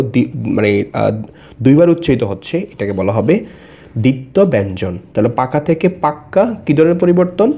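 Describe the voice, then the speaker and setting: A man's voice: medium pitch, mellow. Patient man teaching grammar, muffled sound. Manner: explains step by step, repeats examples, asks and answers own questions. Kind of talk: exam-prep grammar lesson.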